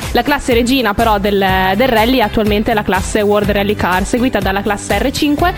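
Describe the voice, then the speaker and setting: A woman's voice: mid-range voice, moderate pace, over music. A woman co-hosting a radio show, giving information partly read from notes. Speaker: radio co-host.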